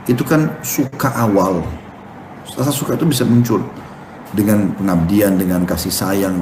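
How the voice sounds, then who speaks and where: Man, Islamic preacher, low-pitched, animated storytelling, roomy echo, faint background noise. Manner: animated storytelling, acting out quotes. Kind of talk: sermon with questions and answers.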